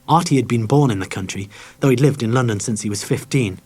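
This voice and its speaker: A man's voice: mid-range voice, fast talker, a little mellow, slightly rough. Man reading a children's novel aloud. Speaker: audiobook reader. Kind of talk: scripted narration of a children's novel.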